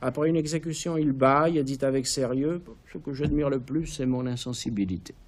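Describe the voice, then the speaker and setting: Male reader as a calm, reasoning male conspirator with a measured delivery. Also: mid-range voice, close to an everyday voice. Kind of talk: author reading his play aloud.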